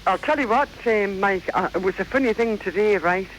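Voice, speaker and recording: A woman's voice: mid-range voice, a little fast, slight background noise, rough recording. A woman of about fifty, calling a radio phone-in and telling her story in a rambling, hesitant way full of fillers. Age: around 50. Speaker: radio caller.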